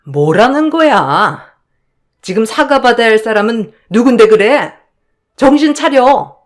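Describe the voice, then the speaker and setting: A woman voicing a scornful middle-aged sister-in-law who shouts accusations. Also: a little high, lively intonation, unhurried, voice pushed up. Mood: indignant.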